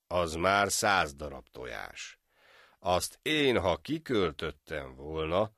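A man voicing a greedy innkeeper in an animated folk tale, slowly reckoning sums out loud and growling threats. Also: low voice, dry recording, clean studio sound. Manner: slow, reckoning aloud. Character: greedy male innkeeper, calculating and grumbling.

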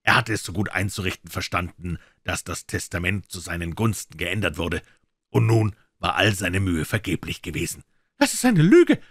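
A man's voice: low-pitched, moderate pace, pushed and bright, no echo, clean studio sound, heavily acted. A man voicing a suave, amiable and mocking male detective in a crime audiobook. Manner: smooth, amiable, ironic.

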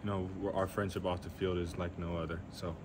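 Reporters' handheld mics capture a young college quarterback answering questions after the game in a weight room. His delivery is low, flat, fast, and plain, peppered with fillers, with noise in the background.

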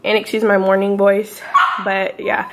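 A woman's voice: mid-range voice, monotone, measured pace, creaky. A woman vlogging her day in a casual, chatty, bubbly way, saying "like" a lot, filmed from her car and around town. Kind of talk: casual vlog chat to camera. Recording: handheld camera with loud car and street noise.

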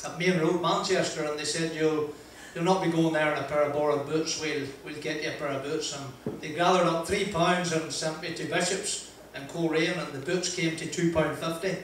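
An older man from Northern Ireland gives an anecdotal motivational talk to a seated audience, rambling through a self-deprecating story with a fairly even, fairly bright voice that sits a touch high. He chats along with many "uh" pauses and laughs, using a handheld mic in a large wood-panelled function room. The distant recording echoes, with slight background noise.

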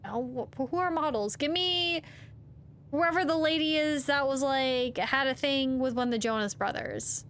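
A woman's voice: high voice, normal speed, slight background noise. A woman streaming a game, talking sarcastically to the characters as she plays. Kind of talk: casual gameplay commentary. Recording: loud game music behind. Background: game music.

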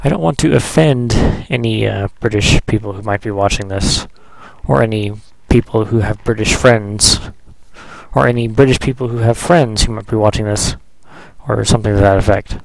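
A man's voice: fairly low pitch, normal speed, vocal fry, dry recording, rough recording. A man giving casual, rambling, joking commentary as he plays a video game. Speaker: let's player. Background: video game music.

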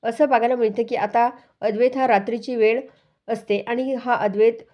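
A woman's voice: on the high side, steady tone, moderate pace, warm tone. A woman retelling a TV serial episode in plain narration, repeating the same stock filler phrases. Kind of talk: plain storytelling recap.

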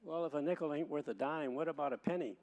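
A man, a priest, reading the gospel and preaching in a measured way, slowing to stress key words, with a long church echo around his voice. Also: a little high, creaky, a little mellow, muffled recording. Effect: long church hall echo. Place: large church. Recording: long reverb of a large church.

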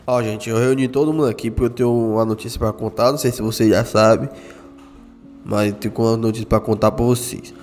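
A man, doing animated game roleplay full of slang and tough-guy banter. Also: medium pitch, fast. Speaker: gamer doing roleplay as a gorilla's son. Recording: reverberant with faint background music.

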